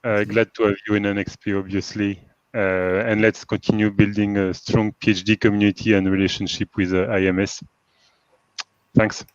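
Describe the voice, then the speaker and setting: A male jury member gives congratulatory closing remarks in a fairly low voice. The audio is dull and dry, as on a video call. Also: flat delivery, moderate pace, dry recording.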